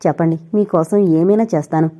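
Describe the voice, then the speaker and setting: A woman's voice: low-pitched, steady tone, fast talker, dark tone, highs cut off, lightly acted. A woman voicing a young married woman who pleads and weeps over her dying lover, in a storybook reading. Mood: tearful. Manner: tearful, pleading.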